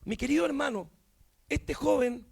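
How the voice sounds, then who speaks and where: Preacher, man in his thirties; very high, gravelly voice; shouts his testimony in repeated refrains. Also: moderate pace. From Chile. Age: 30s. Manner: impassioned, shouting, repetitive refrains. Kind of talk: fervent Pentecostal testimony sermon.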